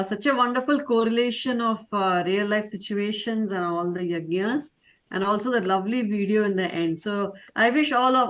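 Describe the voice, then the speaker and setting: A woman, a spiritual teacher telling a moral story to children, gentle and questioning with many fillers. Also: medium pitch.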